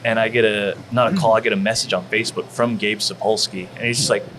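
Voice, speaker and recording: A man's voice: lowish voice, fairly even intonation, fast talker, a bit bright, a little hiss or hum, low-quality recording. A man from Texas, a former pro wrestler, telling rambling, profanity-laced stories as a guest in a barbecue restaurant. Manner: profane, rambling, full of fillers. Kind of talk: casual storytelling.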